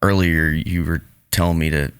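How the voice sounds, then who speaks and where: A man's voice: a bass voice, flat delivery, moderate pace, fairly bright tone, clear, resonant tone, no echo. A man co-hosting a podcast, talking casually in a rambling, hesitant, joking way. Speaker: podcast co-host being interviewed.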